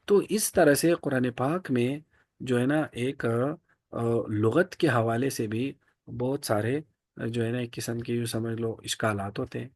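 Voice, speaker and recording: Man, teacher lecturing, explanatory, frequent fillers, mid pitch, dry sound. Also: a little mellow, dry recording. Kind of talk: classroom lecture.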